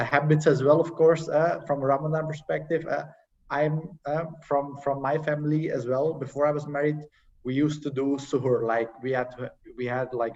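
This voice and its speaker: A young man sharing his experience as a panel guest in a casual, halting way, with many fillers and restarts, over a video call. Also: a little high, darkish tone. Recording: dull distant video-call audio.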